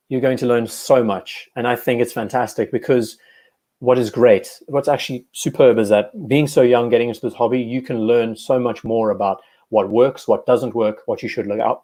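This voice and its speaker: A man in his twenties hosts a casual livestream, chatting away and reacting to viewers' comments as they come in. He reads the live chat aloud and corrects himself along the way, speaking at a moderate pace in a warm, mid-range voice with fairly even intonation.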